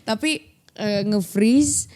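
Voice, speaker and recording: A woman co-hosting a relaxed chat show. She drifts between slang and English phrases and often stops and restarts her sentences. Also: medium pitch, slow. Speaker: podcast co-host. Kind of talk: casual chat.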